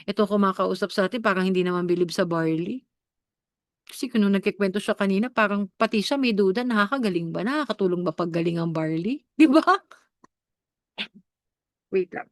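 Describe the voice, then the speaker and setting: A woman with a Filipino accent leads a live network marketing training talk, coaching her listeners, asking them questions often and mixing Tagalog with English. Her voice is a little high and fairly bright, slightly congested from an allergy, recorded clean in a studio with no echo.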